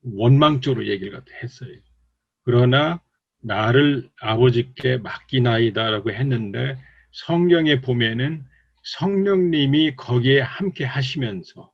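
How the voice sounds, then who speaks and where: Gravelly man giving a rambling lecture. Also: medium pitch. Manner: rambling, many filler words; acts out sample dialogue in quotes. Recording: dull, lo-fi recording.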